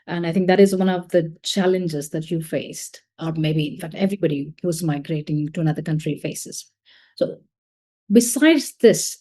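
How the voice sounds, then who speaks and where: A woman's voice: sits low, dark tone. A woman hosting a podcast interview, asking long, meandering questions. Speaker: podcast host.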